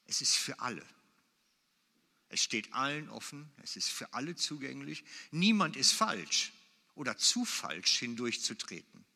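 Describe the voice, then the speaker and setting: A man's voice: medium pitch, big pitch swings, unhurried, gravelly, sharp tone. A man preaching a sermon in German, emphatic and repeating his key phrases for weight. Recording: long hall reverb.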